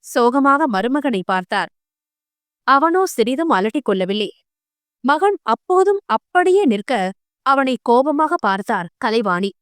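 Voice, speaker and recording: A woman's voice: on the high side, no room sound, clean studio sound. A woman narrating a novel in a scripted storytelling reading.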